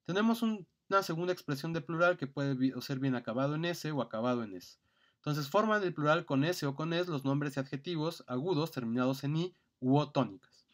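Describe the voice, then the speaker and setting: A man's voice: fairly high pitch, expressive, a little fast. A middle-aged man giving a recorded grammar lecture, methodically listing examples with fillers and self-corrections.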